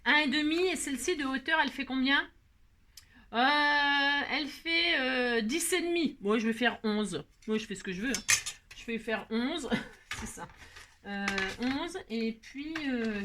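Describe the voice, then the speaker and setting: Over a noisy background, a woman with a slightly high voice at normal speed hosts a craft tutorial on card-making. She chats casually and playfully to her audience, calling out her hand movements step by step, tossing in teasing comments, frequent "hop"s and fillers.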